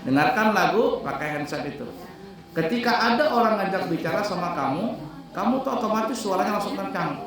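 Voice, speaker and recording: A man's voice: high-pitched, expressive, a little fast, noisy background. A male religious teacher at a boarding school gives a lesson on the call to prayer, asks his students whether they understand and sings examples of the call. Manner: explains in plain talk and breaks into sung calls to prayer. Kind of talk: classroom lesson on calling to prayer, with sung demonstrations. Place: classroom hall at a boarding school. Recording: echoey room, recorded from a distance.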